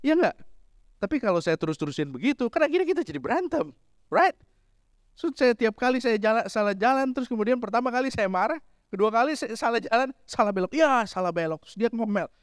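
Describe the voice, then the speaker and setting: Middle-aged male pastor, animated joking preacher, slightly high voice, dry recording. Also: fairly quick, clear, resonant tone, no echo. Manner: lively, mixes Indonesian with English phrases, jokes with the congregation. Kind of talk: sermon.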